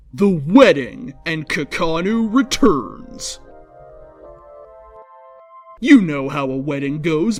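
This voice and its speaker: Faint music sits in the background as a low-pitched woman performs bad fan fiction in storyteller fashion, drawing out key phrases theatrically. She speaks close to a mic that lacks a pop filter.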